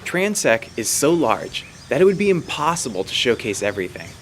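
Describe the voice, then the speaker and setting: A man reading scripted documentary narration in a measured voice. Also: medium pitch, sing-song, slight background noise. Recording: voice-over with music bed.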